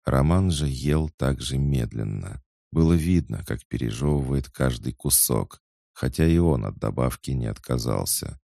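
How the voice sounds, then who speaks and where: A man narrating an audiobook in a steady, even storytelling manner. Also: very deep voice, moderate pace, vocal fry, no echo, studio quality.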